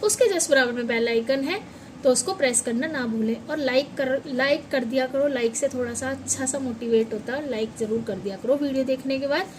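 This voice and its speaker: A woman's voice: high voice, fairly quick, background noise. A woman teaching pronunciation in a classroom-style lesson, patiently spelling out words letter by letter and quizzing her students. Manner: patient, repeats and asks the students questions.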